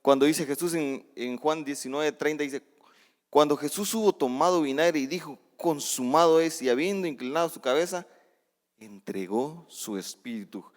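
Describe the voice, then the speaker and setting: A male preacher delivering a sermon, reading scripture and explaining it, shifting between hushed readings and loud emphatic outbursts, with casual asides and self-corrections. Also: fairly high pitch, moderate pace. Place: church sanctuary. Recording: long reverb of a church hall.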